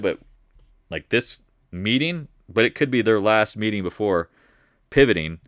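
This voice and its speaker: A man with a lowish voice talks through his market charts in a loose, chatty way. He jokes, trips over his words and backtracks often. The sound is dry and close, with no room around it. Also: a bit bright, no echo. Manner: rambling, self-correcting, jokey. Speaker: market commentator. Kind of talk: casual market recap.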